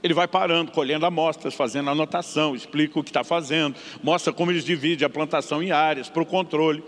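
A pastor preaches a story-driven sermon. He talks quickly, with a slightly raised voice, and brings the dialogue in his story to life. A long hall reverb trails behind each phrase. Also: fairly high pitch. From São Paulo state, Brazil. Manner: lively storyteller acting out dialogue.

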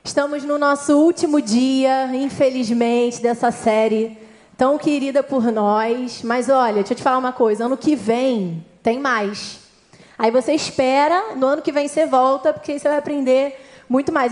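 A woman's voice: high voice, a little mellow. A woman with a Brazilian accent preaching a sermon, talking directly and friendly to her audience. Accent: Brazilian Portuguese. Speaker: church speaker.

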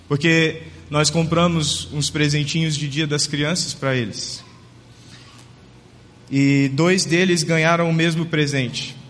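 Earnest pastor preaching in a reverberant hall. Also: male voice, fairly high pitch. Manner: storytelling, gentle and earnest, slowing down for emphasis. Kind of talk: sermon. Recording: long reverb of a large hall.

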